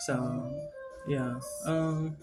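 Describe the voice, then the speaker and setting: A man's voice: medium pitch, steady tone, very slow, over music. A young man chatting at a family gathering, hesitant and full of ums. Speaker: son and teacher. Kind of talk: casual family chat.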